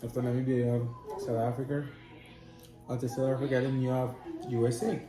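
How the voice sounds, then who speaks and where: A man from Congo chatting casually over a meal, quick to tease and disbelieve. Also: mid-range voice. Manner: animated, incredulous teasing. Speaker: mukbang co-host. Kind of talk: casual chat while eating. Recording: roomy echo with music behind.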